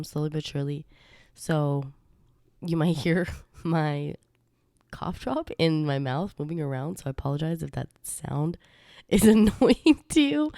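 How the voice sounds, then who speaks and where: A woman hosts her own solo podcast in a low, gravelly yet clear and resonant voice, sounding congested after a recent illness. She chats and rambles with fillers and soft laughs, and the recording is dry with clean studio sound.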